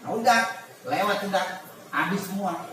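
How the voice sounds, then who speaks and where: Speaking at a normal speed in a high voice, this man leads a religious class, reading Arabic text and then explaining it casually. He brings little scenes to life by voicing the characters. Audio is noisy and echoey, captured from a distance.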